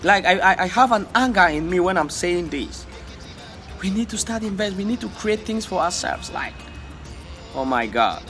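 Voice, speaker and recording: With soft music behind him, a male vlogger from Africa pushes his motivational message in a bright, forceful, very animated voice that sits high and moves at a moderate pace. He's fervent and exhorting, repeating points and tripping over words when worked up.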